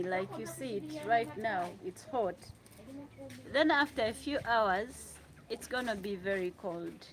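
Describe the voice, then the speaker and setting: A Ugandan woman hosting a casual livestream from her room, chatting with viewers, reading out their comments and laughing often. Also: fairly high pitch. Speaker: livestream host. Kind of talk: casual live chat with viewers.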